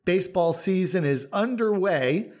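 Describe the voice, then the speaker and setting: A man hosting a podcast with a somewhat high voice. He talks in a relaxed, casual way, rambling a little and restarting sentences with plenty of fillers. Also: measured pace. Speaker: podcast host.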